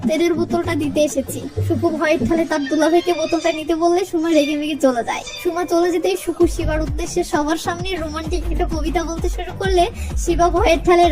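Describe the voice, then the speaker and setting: A woman narrating a film recap, reading out every character in brisk storytelling. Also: very high-pitched. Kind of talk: fast movie recap narration. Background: background music.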